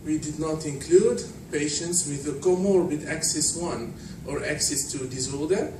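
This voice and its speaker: A man from Tunisia giving an academic conference talk, measured and explanatory with frequent fillers. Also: fairly high pitch, darkish tone. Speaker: conference speaker. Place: conference hall. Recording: distant, echoey hall with noise.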